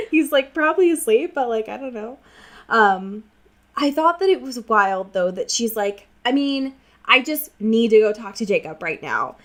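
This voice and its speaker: This podcast co-host, talking through a book in a relaxed discussion, has a higher, animated and slightly bright voice at a measured pace. Her tone is wry and slangy, and she performs the lines while recapping.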